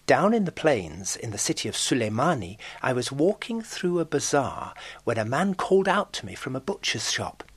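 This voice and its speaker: Husky, lively British radio correspondent. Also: male voice, mid-range voice, moderate pace, hardly any pauses. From Britain. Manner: wry, storytelling narration. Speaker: foreign correspondent. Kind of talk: scripted radio travel report.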